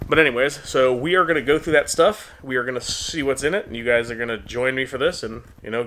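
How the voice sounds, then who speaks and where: A man in his thirties hosts a toy collecting video, chatting casually as he digs through vintage figures. His voice sits at an ordinary middle pitch, and he rambles with plenty of ums and jokes at his own expense. A faint noise runs under the recording. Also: bright, forceful tone. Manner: rambling, self-deprecating, lots of ums. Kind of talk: casual unboxing chat. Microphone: handheld camera, then on a tripod.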